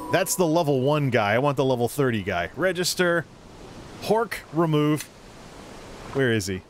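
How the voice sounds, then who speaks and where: A man talks through a game in a casual, thinking-aloud way. His pitch is average for a man and he wanders from point to point, with a little background noise on the recording. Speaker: gaming video creator. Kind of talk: casual gameplay commentary.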